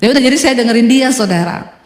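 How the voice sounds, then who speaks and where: A high-pitched woman pastor delivers an emphatic sermon, breaking into humorous asides and acting out what people say. Her voice rings with a long reverb through a big echoey hall. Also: expressive, fast. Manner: emphatic preaching with humorous asides and acted quotes.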